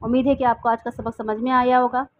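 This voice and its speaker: Female reading teacher, high voice, unhurried and careful, thin phone-like recording. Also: level tone. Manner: enunciates each syllable slowly and distinctly. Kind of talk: slow, careful recitation lesson. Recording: tinny phone-like sound.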